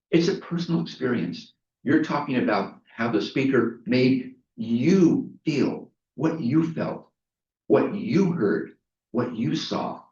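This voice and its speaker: Lively man giving an echoey speech. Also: mid-range voice, distant mic. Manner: animated storytelling with emphatic repetition. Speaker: Toastmasters speaker. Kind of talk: prepared inspirational speech. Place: meeting room. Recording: echoey room, mic from afar, dull.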